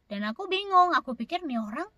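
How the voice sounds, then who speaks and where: A woman's voice: very high-pitched, very animated, brisk, pushed and bright, dry recording. A woman from Indonesia chatting casually to her viewers, answering their questions in a rambling, repetitive way. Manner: chatty, repeats words and fills with "gitu". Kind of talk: casual Q&A storytelling.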